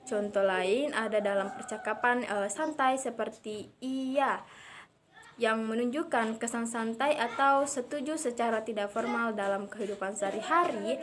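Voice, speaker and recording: A young woman reading a language lesson aloud as a student presenter, steady but dotted with hesitant fillers. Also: a little high, normal speed, a little hiss or hum. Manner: reads steadily with frequent "eh" fillers and restarts. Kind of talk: read-aloud lesson explanation.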